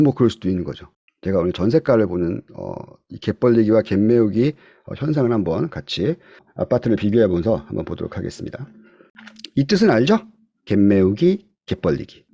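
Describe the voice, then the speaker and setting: A man's voice: on the low side, gravelly, breathy edge, no room sound. Guy giving an online real estate class, voice jumps up and down a lot, keeps asking the class stuff, dry close sound. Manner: questions the class often, swings between loud and soft. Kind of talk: online lecture to students. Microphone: computer mic on a video call.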